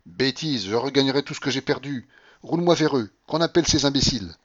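A man's voice: lively intonation, fast, fairly bright tone, dry recording. A man reading an audiobook voices an impatient old grandmother who gambles at roulette. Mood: imperious. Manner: commanding, impatient, shrill outbursts. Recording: muffled lo-fi recording.

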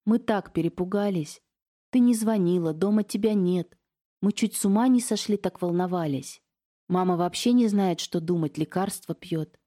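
A woman voicing an anxious young woman who pleads gently and insistently with her aunt. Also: mid-range voice, animated, fairly quick, pitched above the performer's own voice, close to an everyday voice. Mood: pleading.

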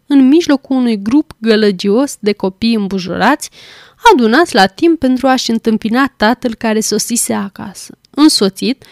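A woman's voice: on the high side, dry recording, studio quality. Woman narrating an audiobook. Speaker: volunteer audiobook reader.

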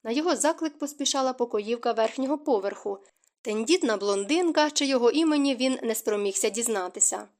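A woman narrating an audiobook in an expressive reading style. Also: a little high, a little fast. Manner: expressive reading, voices characters' lines.

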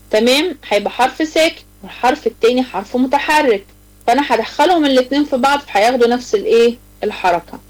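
A fairly high-voiced Egyptian woman teaches tajweed in an online class, walking her students through each rule with repeated questions. She slows right down to chant her examples, stretching every syllable. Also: low-quality recording. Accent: Egyptian Arabic. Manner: explains step by step with repeated questions, slow drawn-out recitation of examples. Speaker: Quran recitation teacher. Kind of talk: online tajweed lesson to girls.

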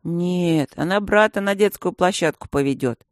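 A woman voicing a calm, meek schoolboy sidekick speaking matter-of-factly in a storybook. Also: fairly low pitch, normal speed, no echo, studio quality, natural voice. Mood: placid. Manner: placid, matter-of-fact.

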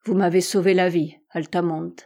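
A stern polar sea captain speaking in a grave, solemn way, as a woman reader puts him on. The tone is mellow and measured. It is an audiobook of a classic adventure. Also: lowish voice, little pitch movement.

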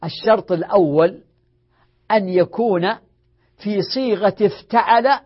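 A man's voice: high-pitched, a little slow, slightly rough. A man, a sheikh, lecturing on grammar who repeats each rule and drills word forms, asking questions and answering them himself. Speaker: sheikh teaching Arabic morphology. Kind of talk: classroom lecture. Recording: dull lo-fi lecture recording.

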